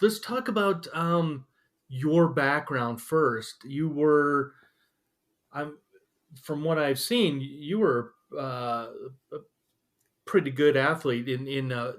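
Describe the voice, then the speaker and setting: A man hosting a podcast interview, talking casually with frequent restarts and fillers. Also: a little high. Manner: halting, many restarts and fillers. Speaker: podcast host.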